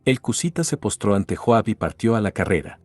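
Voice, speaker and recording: A man reading scripture aloud in a steady, measured way. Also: fairly low pitch, slightly rough, dry recording, soft background music. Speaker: Bible reader.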